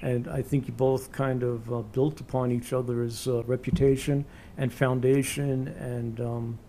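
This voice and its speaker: A man's voice: mid-range voice, level tone, a little slow, warm tone, a little hiss or hum. A man with a New York accent interviewing a musician in a casual, rambling way, full of ums and restarts. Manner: rambling, many fillers and restarts.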